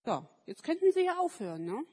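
A woman telling children a story at a service in a slightly high voice, lively and questioning. Her voice carries a long echo from the hall. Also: brisk, slightly rough. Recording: echoey hall.

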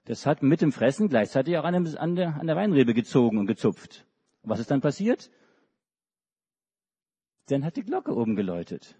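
In a church service, a middle-aged preacher from Hamburg recounts a children's story at normal speed, full of restarts, hesitations and long pauses. His mid-range voice swings widely in pitch and is mellow and slightly rough; the recording is dull and reverberant, made in a hall.

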